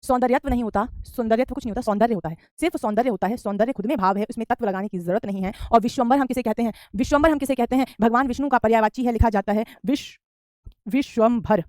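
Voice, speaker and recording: A woman with a fairly high voice teaches a spelling class at a rapid pace. She repeats each correct word and speaks straight at her students. The recording is close and dry. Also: warm tone, no room sound. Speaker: Hindi teacher. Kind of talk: online spelling lesson.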